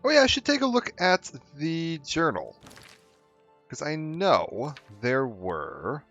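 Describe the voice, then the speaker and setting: A man's voice: fairly high pitch, huge pitch swings, slow pace, fairly bright tone, highs cut off, faint music behind. A man streaming a game, chatting casually with many fillers and restarts. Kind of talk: casual let's-play commentary.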